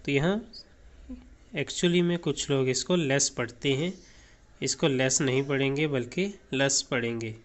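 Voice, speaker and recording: A man teaching English pronunciation and meanings, repeating each word many times and reading definitions slowly. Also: medium pitch. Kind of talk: slow pronunciation lesson.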